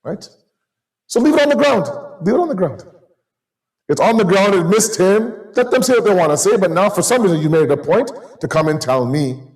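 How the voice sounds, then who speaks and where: Higher-voiced man giving a sermon. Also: very animated, a little fast, low-quality recording. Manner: conversational, storytelling, code-switches into Urdu and Arabic terms.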